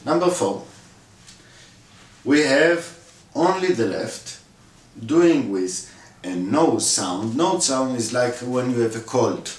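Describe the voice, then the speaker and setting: A man explaining a vocal score step by step, pausing often with fillers and acting out the sounds himself. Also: mid-range voice, lively intonation. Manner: demonstrates sounds with his own voice, many fillers. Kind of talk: instructional walkthrough. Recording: echoey room, voice from far off.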